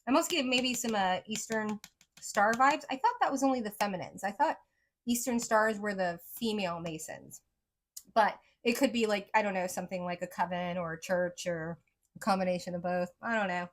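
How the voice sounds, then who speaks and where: A woman psychic reader with a mid-range voice talks casually and fairly quickly to her viewers. She rambles, dropping lots of "like" and "right?", and her speech blends accents picked up from many places.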